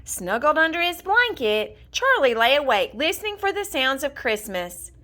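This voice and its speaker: A woman reads a children's storybook aloud, narrating from a script in an expressive, deliberate storytelling style. Her voice sits high.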